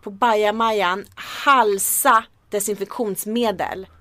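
A woman's voice: medium pitch, fairly even intonation, sharp tone, dry recording. A woman music critic chatting casually and telling anecdotes with dry, hyperbolic humour.

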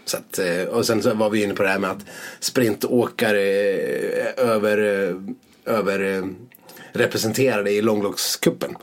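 A man's voice: lowish voice, fairly even intonation. A man co-hosting a casual podcast chat, rambling, laughing often and swearing casually. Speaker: podcast co-host.

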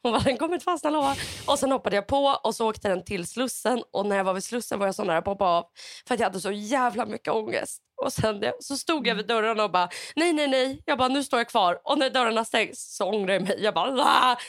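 Woman, late twenties, slightly high voice, dry close sound, teary storytelling podcast host. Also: dry recording. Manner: emotional storytelling, near tears, quotes people with "jag bara". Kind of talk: casual podcast chat.

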